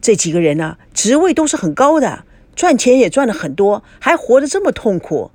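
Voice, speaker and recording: A nosy pair of bar workers chattering away, put on by a woman reading a storybook. The voice jumps up high and bounces all over, and the recording is dry and close. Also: sing-song, moderate pace, a little mellow, no echo. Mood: gossiping. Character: two gossiping bar workers, cheerful and nosy.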